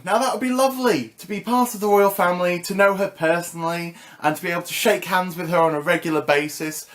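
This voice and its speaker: A British man vlogging casually to camera, with a cheeky, sarcastic, ranting manner. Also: a little high. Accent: British English. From Britain.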